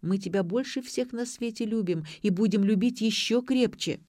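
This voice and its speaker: Woman reading a persuasive young lover; coaxing, mellow, dry. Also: mid-range voice, moderate pace, no echo, voice pushed up, lightly acted. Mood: soothing. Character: persuasive young man, smooth-talking lover.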